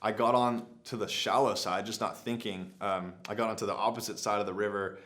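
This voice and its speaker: A man's voice: lowish voice, brisk. A young man vlogging, telling a story casually to camera with lots of filler words and acted-out quotes. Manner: animated, many "like" fillers, acts out his own past lines. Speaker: adventure vlogger.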